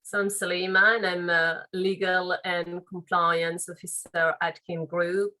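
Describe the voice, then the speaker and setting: A woman's voice: on the low side, flat delivery, unhurried, sharp tone, poor audio. A woman in her late thirties from France, a native French speaker with a French accent, answering interview questions thoughtfully with loose phrasing and restarts. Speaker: guest, legal and compliance officer.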